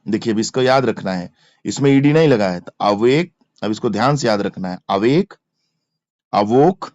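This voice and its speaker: A man with a Hindi accent teaches exam-prep grammar in a mid-range, darkish voice, spelling words letter by letter and going over each verb form twice. The recording is dry, made on a slightly dull lo-fi mic.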